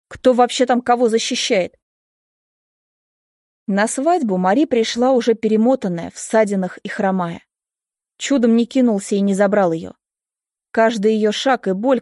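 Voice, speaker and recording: A woman reading a first-person story aloud in a steady, emotive way. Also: medium pitch, no room sound, studio quality. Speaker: audiobook reader. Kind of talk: scripted first-person narration.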